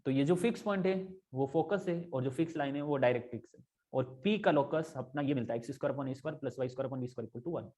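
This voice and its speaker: A male tutor talks through a math lesson casually, step by step, stopping often to check that his students are following. His voice is mellow and warm, with an ordinary middle pitch. He slips English math terms into his explanations. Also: quick pace.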